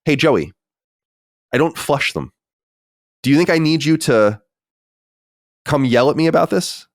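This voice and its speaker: This podcast co-host, a man in his forties, has a fairly high, expressive voice and an unhurried pace, with studio-quality sound and no echo. The talk is casual: he reads listener letters aloud and replies bluntly, with plenty of sighing and swearing.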